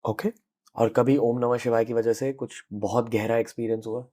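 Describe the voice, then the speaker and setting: Male podcast host, mid-pitched, curious, brief probing questions. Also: flat delivery, normal speed, mellow. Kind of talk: interview questions.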